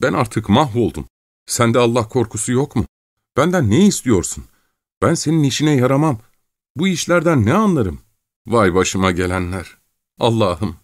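A man voicing a frightened, pious young peasant who begs tearfully in a high voice. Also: dry recording, clean studio sound, lightly acted. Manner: tearful, begging, voice climbing high.

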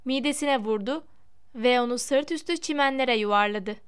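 A woman narrating a storybook in a measured, expressive reading. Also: high voice, clear, resonant tone. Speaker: audiobook narrator.

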